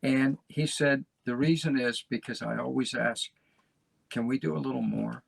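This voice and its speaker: A man in his seventies hosting a talk show, folksy and rambling, encouraging his listeners with a gravelly voice. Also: mid-range voice, steady tone, normal speed, dry recording, rough recording. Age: 70s. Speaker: podcast host. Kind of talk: motivational casual talk.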